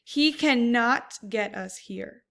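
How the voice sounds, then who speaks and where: A woman voicing an alert young vervet monkey lookout who whispers warnings and yells alarm calls while reading a storybook aloud. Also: on the high side, lively intonation, takes it slowly, gravelly, heavily acted. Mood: urgent.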